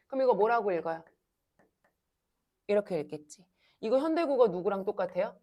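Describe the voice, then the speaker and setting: Woman, language teacher, classroom lecture, lively pitch, brisk coaxing questions. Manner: asks students questions and answers them herself, brisk and coaxing. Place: cram school classroom.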